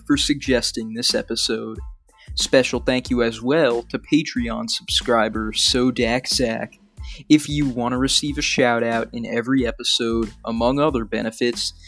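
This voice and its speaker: A man hosting a history podcast, reading a scripted narration in a measured, earnest way. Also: medium pitch, fairly bright tone. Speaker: podcast host.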